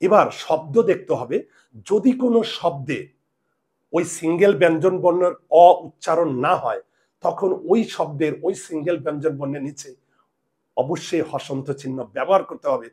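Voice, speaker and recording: Man, grammar teacher, video lesson, emphatic, repeats points, slightly high voice. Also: normal speed, darkish tone. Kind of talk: classroom-style video lesson.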